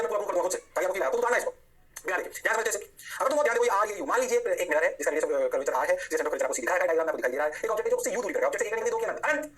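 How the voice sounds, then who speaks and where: A man teaching a physics lecture, energetic and coaxing, constantly firing rhetorical questions at his students. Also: sits high. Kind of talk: classroom lecture.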